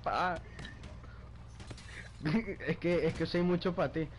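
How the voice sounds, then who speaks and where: A man's voice: on the high side, slow pace, slight background noise. Laughing Venezuelan man playing games. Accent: Venezuelan Spanish. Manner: laughs often, swears casually, teasing. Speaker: gaming video creator. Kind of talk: casual gameplay commentary with a friend.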